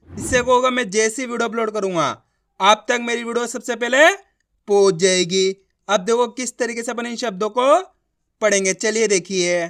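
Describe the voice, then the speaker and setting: A young man teaching beginners to read, patient and repetitive, often asking if it is clear and spelling out syllables slowly. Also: very high voice, fairly bright tone. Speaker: Hindi teacher. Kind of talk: beginner reading lesson.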